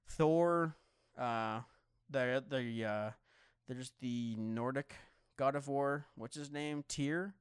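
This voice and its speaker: A man's voice: medium pitch, takes it slowly, clear, resonant tone, no room sound, studio quality. A young man streamer chatting casually to viewers, rambling and swearing, often stumbling over his words. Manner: rambling, profane, stammering restarts.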